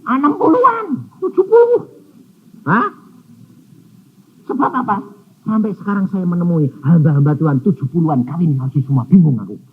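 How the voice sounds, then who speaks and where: A man preaching a storytelling sermon, acting out conversations with sudden high squeals and low murmurs. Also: very animated, normal speed, long pauses, breathy edge. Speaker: evangelist preacher. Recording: muffled phone-like sound with faint noise.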